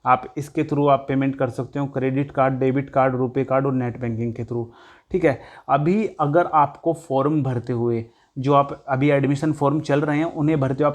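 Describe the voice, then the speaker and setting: A man talks students through an online form in a casual tutorial. He keeps a fairly level, even tone with little rise and fall, pausing to hesitate now and then. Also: a little high. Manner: plain explanatory talk with hesitations, addresses students directly. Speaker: tutorial presenter. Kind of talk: casual screen-recorded walkthrough.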